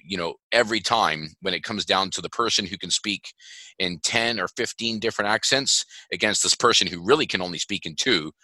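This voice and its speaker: Deep, bright-voiced man, emphatic. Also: no room sound. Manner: emphatic, earnest, many restarts. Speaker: voice agency founder. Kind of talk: podcast interview.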